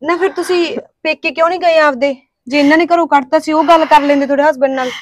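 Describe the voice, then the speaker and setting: A woman voices a kind-hearted young Punjabi daughter-in-law. She talks fast in a high voice and stands her ground when pressed. The recording is close and dry. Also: fairly even intonation, no room sound, natural voice. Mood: consoling. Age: young adult. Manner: quick, earnest, talks back. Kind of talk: village family drama acting.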